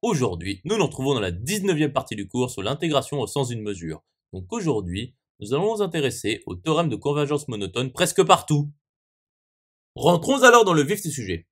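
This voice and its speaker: A man's voice: mid-range voice, sing-song, brisk. A man lecturing on mathematics, reciting a scripted proof in a formal, methodical way. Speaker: maths lecturer.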